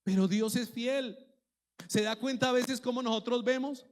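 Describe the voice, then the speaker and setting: Man, pastor, high voice, lively sermon, reverberant hall. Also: normal speed. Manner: lively preaching, acts out worried church members in quoted voices. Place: church hall.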